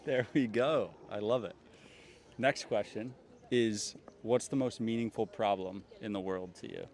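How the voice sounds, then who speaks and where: A man's voice: on the low side, unhurried, a little mellow, a little hiss or hum. A man hosting street interviews, asking questions in an upbeat, encouraging way. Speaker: interviewer host. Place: city street outdoors.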